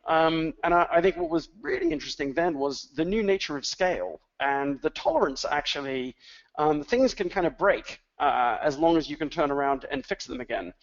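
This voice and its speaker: A man's voice: fairly high pitch, sing-song, moderate pace, dull audio. A man speaking as an industry analyst on a webinar, rambling, with many fillers and restarts. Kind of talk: webinar talk.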